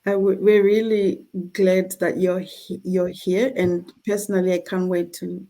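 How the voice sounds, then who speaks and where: A middle-aged Zimbabwean woman hosts an online conversation for a charity she represents. Her low, mellow voice has a gravelly edge, and her delivery is flat and unhurried. She speaks earnestly, with many fillers and restarts.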